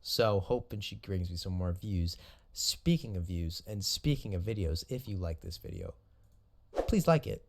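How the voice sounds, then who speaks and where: A man's voice: deep voice, normal speed. A man in casual commentary, coaching jiu-jitsu as he breaks down sparring footage, easygoing and rambling, often correcting himself.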